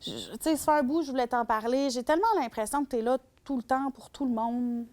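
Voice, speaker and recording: A guilt-tripping, manipulative boyfriend, acted out by a woman with a Québécois accent. He pleads softly in a falsely wounded, self-pitying voice. The impression drops a little below her own voice. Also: on the high side, animated, quick pace, natural voice. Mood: wounded pleading. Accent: Québécois French.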